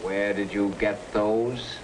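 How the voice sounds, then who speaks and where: An actor playing a cool, bossy crook in a 1930s screwball comedy film, with clipped, wry banter. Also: male voice, fairly low pitch, level tone, takes it slowly. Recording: noisy old 1930s film soundtrack.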